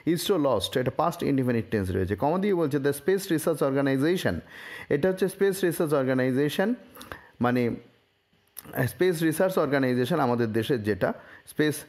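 A man from India explaining a newspaper report line by line, reading English phrases slowly and then explaining them, with frequent fillers and self-corrections. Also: mid-range voice, expressive, darkish tone. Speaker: English teacher.

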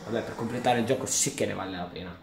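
Excitable man doing let's play commentary. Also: lowish voice, rapid-fire, gravelly, reverberant, music in the background. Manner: excitable, chatters and shouts at the game.

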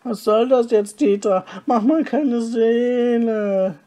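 A man voicing a timid, helpless man who stammers and pleads in a strained, very high voice. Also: takes it slowly, mellow. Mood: flustered.

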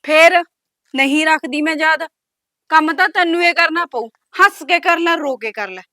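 An actress playing a scheming, bossy elder sister-in-law who talks down to the newcomer in a taunting way. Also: female voice, high-pitched, moderate pace, sharp tone, no echo, studio quality. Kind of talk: village family drama acting.

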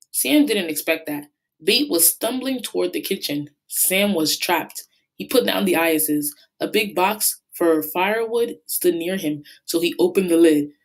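A woman teacher reads a novel aloud to her students. Her voice is fairly low and steady, with a few small slips and restarts. The delivery is plain classroom reading.

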